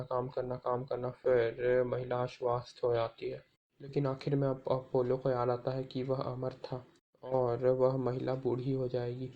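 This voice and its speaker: A man's voice: medium pitch, dark tone, lo-fi sound. A man narrating an episode recap, retelling each scene and reading all the characters' lines himself.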